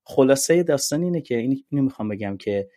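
A podcast guest, eagerly explaining ideas in casual conversation and mixing in English terms. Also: male voice, mid-range voice, animated, warm tone.

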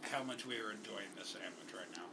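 A man's voice: on the low side, fairly quick, noisy background. A man hosting a food tasting, teasing his guest and reacting with enthusiasm. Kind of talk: casual food tasting chat.

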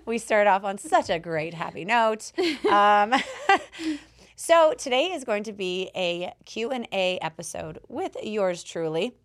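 A woman hosting a podcast in casual chat, her voice hoarse, talking chattily and laughing often. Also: medium pitch, animated, slow. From Canada. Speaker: podcast host.

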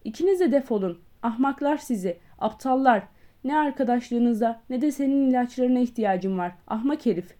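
A woman voicing an overwrought older male doctor in an audiobook, shouting and agitated. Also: mid-range voice, fast, few pauses, natural voice. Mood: furious. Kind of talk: audiobook character voice.

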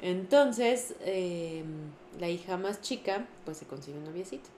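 Mexican woman, lowish voice, animated chat, echoey room, faint hiss. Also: unhurried. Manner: animated, laughs often, lots of fillers. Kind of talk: casual chat retelling a novel.

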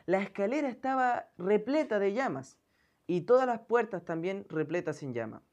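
A woman's voice: fairly low pitch, a little mellow. A woman preaching an earnest sermon, often calling her listeners brother.

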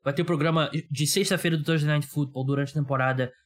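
A man's voice: a little high, steady tone, quick pace. Casual, jokey Brazilian man hosting a podcast. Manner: informal, jokey, self-deprecating. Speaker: podcast host. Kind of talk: casual sports podcast chat.

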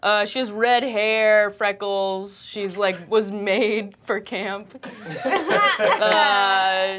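A woman's voice: mid-range voice, fairly bright tone. A woman playing a tabletop game, casually describing her character in a loose, chatty way. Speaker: player.

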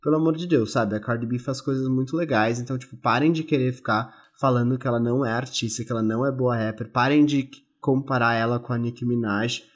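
A man's voice: mid-range voice, quick pace, few pauses. A man co-hosting a casual music podcast, chatty with exasperated asides. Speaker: podcast co-host.

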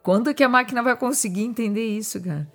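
A woman with a Brazilian Portuguese accent, co-hosting a podcast, curious and animated, often jumping in with questions. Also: a little high, fast talker. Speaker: podcast co-host. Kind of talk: casual conversational chat.

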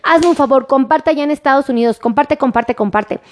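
A woman doctor with a Mexican Spanish accent, chatting casually on a live stream, thanking viewers by name and slowly dictating phone numbers. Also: high-pitched.

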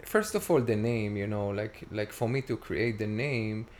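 A man in his forties with an Israeli accent, talking as a guest in a casual interview and often pausing to search for words. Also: lowish voice, darkish tone. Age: 40s. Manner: halting, searching for words with many fillers.

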